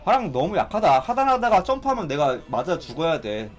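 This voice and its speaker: A man giving excitable live commentary on a fighting game, exclaiming and complaining as he plays. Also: fairly high pitch, fairly quick. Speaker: gaming streamer.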